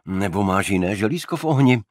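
A man's voice: fairly low pitch, lively intonation, no echo, studio quality, pitched above the performer's own voice, close to an everyday voice. A man voicing a level-headed, friendly male detective in an audiobook. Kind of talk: audiobook character voice.

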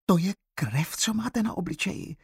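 A man's voice: sits high, lively intonation, vocal fry, breathy edge, no echo, studio quality, voice pushed up, full character voice. A man reading an audiobook, voicing a frightened teenage schoolgirl who asks urgent, breathless questions. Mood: anxious. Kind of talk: audiobook character voice.

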